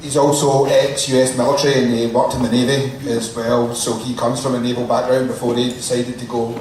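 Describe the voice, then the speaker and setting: A man's voice: mid-range voice, level tone, fairly quick, darkish tone. A man talking informally as a panelist at a live show, emphatic and opinionated. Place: live stage in a club venue. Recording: very echoey venue, distant mic, faint noise.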